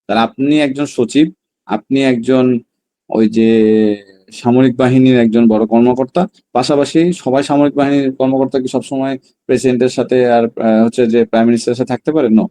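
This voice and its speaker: A man teaching a Chinese vocabulary class, drilling words slowly and repeating them, then explaining in quick bursts. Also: medium pitch, level tone, dark tone. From Bangladesh. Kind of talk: online class lesson.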